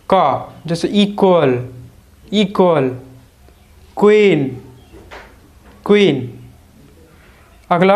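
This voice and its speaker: A man with an Indian accent teaches English letter sounds in a fairly high voice. He sounds out each letter, then repeats every example word slowly and deliberately. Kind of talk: spoken English phonics lesson.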